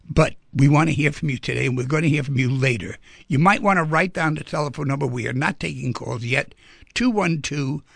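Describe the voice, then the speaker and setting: A man's voice: on the high side, vocal fry, husky, no room sound. A man hosting a radio talk show, chatty and rambling, asking guests lots of questions. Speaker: radio host. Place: radio studio.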